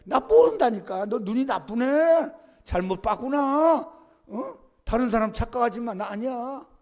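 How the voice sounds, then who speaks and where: A man preacher voicing a frightened disciple who loudly and frantically denies knowing his teacher. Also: sing-song, measured pace, heavily acted. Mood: panicked. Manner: loud, high, frantic denials. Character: panicked male disciple denying his teacher.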